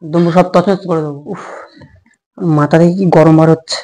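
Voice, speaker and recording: A man's voice: on the high side, steady tone, mellow, close to an everyday voice. A man playing a touchy, hot-headed husband. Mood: indignant. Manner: snapping, indignant, quick to take offence. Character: short-tempered young husband, easily angered. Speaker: short-drama actor. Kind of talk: comic home drama acting.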